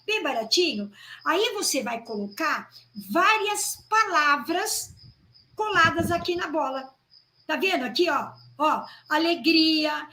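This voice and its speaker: A woman's voice: high voice, fairly bright tone, roomy sound, low-quality recording. A woman teacher giving a lecture on classroom activities, often checking in with her listeners. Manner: addresses the audience as "gente", checks with "né?" and "ok?".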